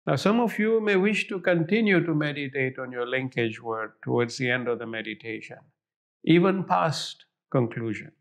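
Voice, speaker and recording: A man leading a guided meditation in a calm, soothing, unhurried manner with long pauses and a gravelly fry in his voice. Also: mid-range voice.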